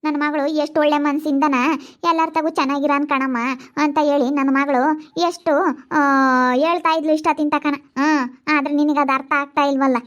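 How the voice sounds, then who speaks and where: A woman's voice: high voice, little pitch movement, fairly quick, highs cut off, natural voice. A woman playing a worried older mother who scolds her daughter's husband. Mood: scolding. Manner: scolding, pleading. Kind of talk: amateur family drama skit.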